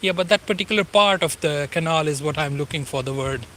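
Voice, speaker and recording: This forties-aged walking vlogger, a non-native English speaker, rambles through a casual riverside commentary and frequently gropes for the right word. He talks quickly in a highish, sharp-toned voice. A faint hiss or hum runs underneath.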